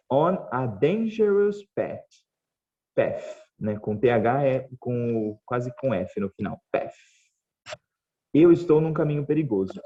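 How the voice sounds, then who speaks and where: A man from Brazil teaching English online, his voice dark and mellow on a slightly muffled recording. He talks patiently and says each word slowly again for his students. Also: medium pitch. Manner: patient, repeats words slowly for the class, checks in with "tá bom?". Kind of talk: online language class.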